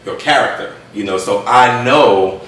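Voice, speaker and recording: A man hosting a live radio interview who asks his questions in a measured, hesitant way. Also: mid-range voice, fairly bright tone. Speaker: radio host. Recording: echoey room, distant mic, faint noise.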